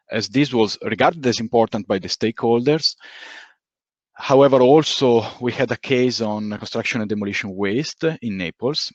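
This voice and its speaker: A man's voice: mid-range voice, no echo. A man giving a methodical, explanatory conference presentation, heard through a recorded online meeting on a video call. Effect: voice captured in a recorded online meeting. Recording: dull lo-fi online call audio.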